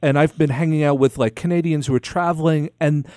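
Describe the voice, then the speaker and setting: A man's voice: a little high, fairly even intonation, fairly quick, darkish tone, no room sound, clean studio sound. A man hosting a podcast interview, asking long, meandering questions with many restarts. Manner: rambling, searching questions with restarts. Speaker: podcast host. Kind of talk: casual interview.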